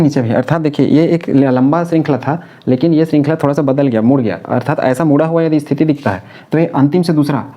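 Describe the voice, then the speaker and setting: A man's voice: a little high, dark tone. A man teaching a chemistry lesson, explaining step by step, repeating key terms and answering his own questions. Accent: Hindi-speaking North Indian. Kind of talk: classroom lecture.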